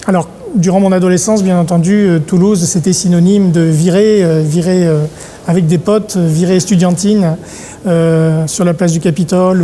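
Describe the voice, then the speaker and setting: A middle-aged man from Paris, an event organizer talking in an interview, pausing often on filler sounds. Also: high-pitched, warm tone, slight background noise. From Paris, France. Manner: hesitant, many filler sounds. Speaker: congress organizer. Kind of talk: interview monologue.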